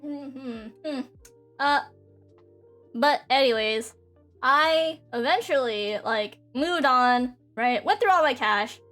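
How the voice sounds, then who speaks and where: A woman's voice: high-pitched, lively intonation, takes it slowly, a bit bright. A young woman streamer chatting casually and rambling with lots of fillers. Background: faint background music.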